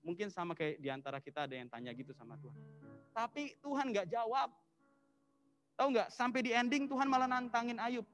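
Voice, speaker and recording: A male pastor giving a casual, lively sermon, telling the story in slang and mixing in English phrases. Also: very high voice, a little fast, faint music behind. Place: church service.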